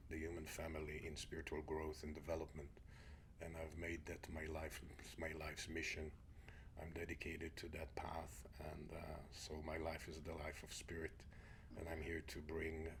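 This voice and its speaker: A man's voice: very deep voice, gravelly, a bit bright, slight background noise. A middle-aged man from Israel, guest on an interview show, speaking reflectively and often sinking to a near-whisper. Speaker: guest, spiritual teacher.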